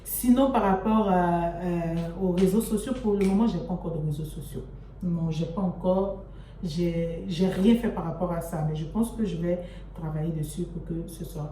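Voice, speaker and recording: A woman's voice: lowish voice, dark tone. A young adult woman chatting casually and familiarly to her viewers as a vlogger, addressing them affectionately. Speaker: vlogger introducing her channel. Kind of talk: casual chat to camera. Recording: roomy echo, distant mic, faint noise.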